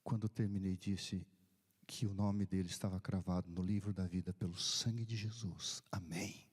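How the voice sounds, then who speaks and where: A male pastor preaching in a low, husky voice. He narrates a deathbed conversation as dialogue, shifting between quiet whispers and sudden lifts in pitch. His delivery is a storytelling sermon. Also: fairly even intonation, moderate pace. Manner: retells dialogue, drops to whispers and rises in bursts.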